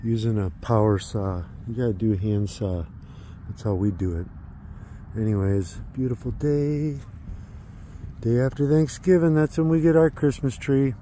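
A man's voice: medium pitch, normal speed, mellow, slight background noise. A man in his thirties, vlogging enthusiastically outdoors at a tree farm into a phone held at arm's length. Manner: enthusiastic, chatty, exclaims often. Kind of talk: casual vlog narration.

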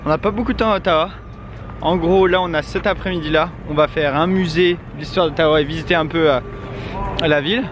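Out on a city street, a young male vlogger speaks fairly quickly in a slightly high voice to a handheld camera held at arm's length. His casual travel chatter rambles with lots of hesitations, and traffic noise hums in the background.

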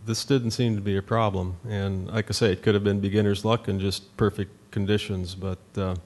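A middle-aged farmer from North Dakota speaks at a meeting-room podium, his voice sitting on the low side. He talks plainly and loosely, circling back with fillers and restarts. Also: little pitch movement, moderate pace, a little mellow. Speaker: farmer panelist. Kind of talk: conference panel talk.

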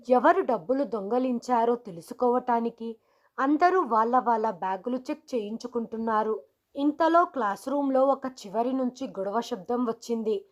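Female storyteller, high voice, steady scripted narration. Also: highs cut off.

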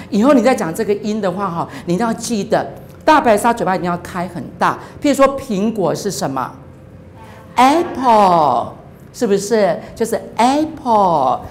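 A woman's voice: mid-range voice, slight background noise. Upbeat woman teacher in her forties. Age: 40s. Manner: upbeat, praising, models sounds in drawn-out repeats; mixes English words into the talk. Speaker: English teacher. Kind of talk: televised phonics lesson.

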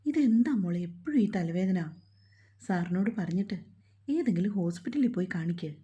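A woman's voice: lowish voice, expressive, normal speed, mellow, lightly acted. A woman voicing a kind, motherly older housekeeper who fusses and coaxes with worried questions. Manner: doting, coaxing questions.

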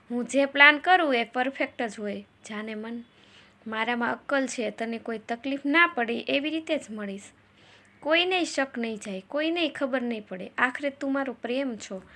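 Lady doing a smug blackmailer guy, teasing and off-key singing, fairly high. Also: a bit bright. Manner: mocking, sings filmi songs off-key. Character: smug young male blackmailer, ex-lover.

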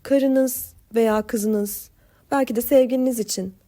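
A woman's voice: a little high, steady tone, unhurried, dark tone, close to an everyday voice. A woman doing a desperate young woman pleading. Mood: earnest. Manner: pleading, urgent.

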